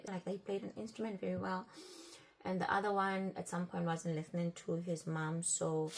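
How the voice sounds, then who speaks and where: A woman's voice: on the low side, gravelly, slight background noise. A woman telling a personal story in a casual, chatty way, often replaying conversations with "I'm like" and "he's like.". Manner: repeats and restarts phrases as she talks.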